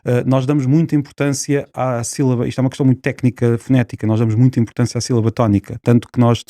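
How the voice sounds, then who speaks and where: A man's voice: mid-range voice, level tone, fast, mellow, no room sound, clean studio sound. A man with a European Portuguese accent, a linguist guest on a podcast, explaining at length with many fillers and restarts.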